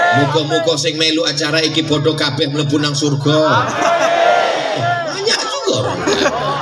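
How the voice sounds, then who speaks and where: A high-voiced Islamic preacher rouses a crowd during a sermon, calling out questions for the crowd to answer. The live recording is echoey and distant, with crowd noise and music.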